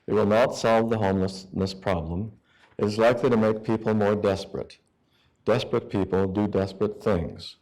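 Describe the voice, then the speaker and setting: Low-voiced man reading public comment. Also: steady tone, moderate pace, a little mellow, poor audio. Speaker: resident giving public comment.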